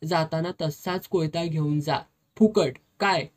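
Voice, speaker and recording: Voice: medium pitch, unhurried, close to an everyday voice. A reader doing a drunk, slurring brute of an officer. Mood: leering. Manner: slurring, bullying, shouts. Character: drunk, lecherous, domineering officer, middle-aged man. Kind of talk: storybook reading.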